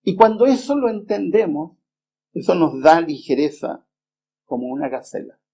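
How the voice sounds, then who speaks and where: A middle-aged man preaching a sermon, earnest and unhurried, often pausing with small hesitations as he tells a personal story. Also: a little high, very animated, warm tone, slightly rough. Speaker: preacher and Bible teacher. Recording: dull lo-fi remastered recording.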